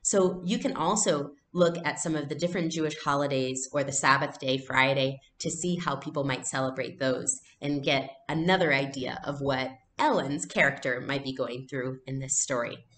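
A young adult woman with a rumbling low voice reads aloud as a teacher, explaining and narrating at normal speed with hardly any pauses. She records on a computer mic in a small furnished room at home, and the sound is roomy.

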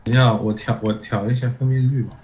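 A man's voice: medium pitch, fairly even intonation, fast talker, darkish tone. A man chatting casually as a gaming partner, repeating himself as he checks his setup. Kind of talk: casual chat while troubleshooting audio. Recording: muffled mic with faint noise.

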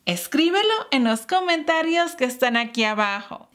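A woman teaching beginner English in a slow, scripted lesson, carefully modeling each phrase. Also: high-pitched, lively intonation, fairly bright tone.

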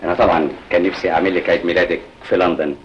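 An actor playing a joking, bossy but loving young husband, with an Egyptian Arabic accent and a quick bantering way of talking. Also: male voice, deep voice, steady tone, a little hiss or hum, natural voice. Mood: tender. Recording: dull lo-fi old film soundtrack.

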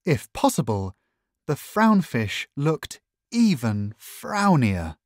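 Brief: children's book narrator, lively melodic lilt, unhurried, dry. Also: mid-range voice, no echo. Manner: slow, lilting storytelling. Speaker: storybook reader. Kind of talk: children's book read aloud.

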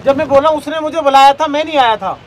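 A man's voice: very high voice, fast, slight background noise, low-quality recording. A young man arguing with his partner on a boat outdoors, defensive and pleading with her to listen. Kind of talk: staged couple argument.

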